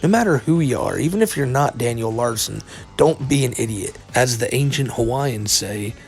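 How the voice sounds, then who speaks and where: Sardonic and informal, this commentary-video narrator sounds incredulous about some internet drama and swears casually now and then. He has a mid-range, creaky, darkish voice, lively intonation and a normal speaking speed.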